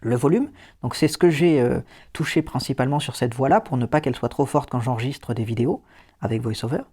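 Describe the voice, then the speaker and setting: Male host, mid-pitched, relaxed tutorial delivery with fillers and dry asides. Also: brisk, breathy edge. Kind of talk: casual screen-reader tutorial.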